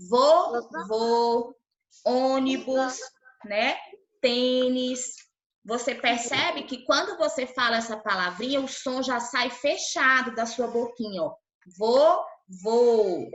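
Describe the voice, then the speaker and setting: A Brazilian woman teacher leads an online lesson for young children with a bright, slightly high voice. She speaks patiently, breaking words into syllables and asking again and again whether the class is following. The audio is a roomy, muffled video-call recording. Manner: patient, sounds out syllables, checks in with "tá?" often. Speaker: primary school teacher.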